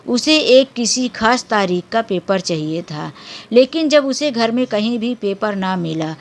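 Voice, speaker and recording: A woman narrating a dramatic family story in an unhurried, emotional storytelling manner. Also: medium pitch.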